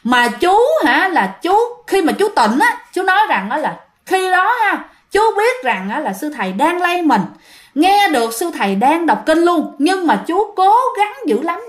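A young woman with a Southern Vietnamese accent telling a ghost story in a chatty, casual way, talking straight to her listeners. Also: high voice. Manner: chatty, addresses listeners, many fillers.

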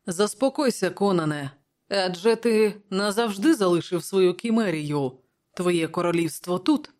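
A narrator reading an audiobook voices a cheerful young nobleman with a light, teasing tone, pitched higher than the narration. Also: expressive, a little slow, close to an everyday voice. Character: cheerful young nobleman friend of the king, man.

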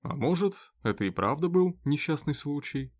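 A man's voice: on the high side, lively intonation, normal speed, pitched above the performer's own voice. A man doing a sly, taunting prisoner. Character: mocking, predatory male prisoner.

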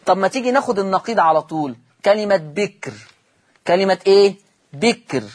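Husky Egyptian man teaching recitation rules. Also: sits high, expressive, brisk. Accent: Egyptian Arabic. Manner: patient, repeats rules and quizzes listeners. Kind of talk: televised recitation lesson.

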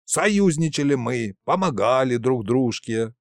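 A man's voice: medium pitch, animated, measured pace, gravelly, no echo. A man voicing a sly, fat old male trickster spirit who whines and pities himself in a folksy way. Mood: whining. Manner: self-pitying, wheedling, folksy.

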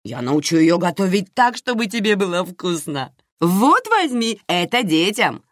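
A woman reader voicing a loud, fussy, doting middle-aged aunt who exclaims and fusses over everyone. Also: fairly low pitch, sing-song, unhurried, no echo, studio quality, voice pushed up. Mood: effusive fussing. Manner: effusive, exclaiming, fussing.

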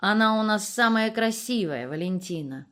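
A woman voicing a gruff, scolding old village grandmother. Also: medium pitch, animated, moderate pace, fairly bright tone, pitched above the performer's own voice, close to an everyday voice. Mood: grumbling.

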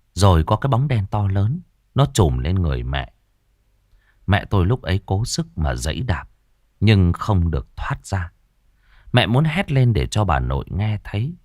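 A man narrating a ghost story slowly and dramatically. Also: sits low, darkish tone, no room sound.

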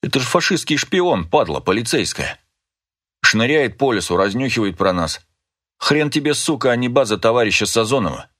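A man's voice: medium pitch, big pitch swings, normal speed, hardly any pauses. A man voicing a hostile young male partisan who grumbles and hurls abuse. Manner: grumbling, abusive.

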